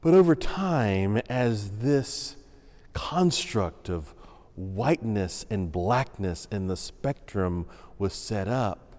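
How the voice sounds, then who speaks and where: Slow, lively-pitched preaching man. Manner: measured, emphatic preaching. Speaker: senior pastor. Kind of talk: sermon. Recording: long reverb of a large room.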